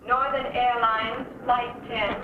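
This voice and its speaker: An actress playing a calm airport announcer, speaking in measured, formal announcements over an airport intercom. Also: female voice, fairly high pitch, noisy background. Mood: announcing. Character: calm female airport public-address announcer. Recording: tinny, echoey, distant 1950s TV sound.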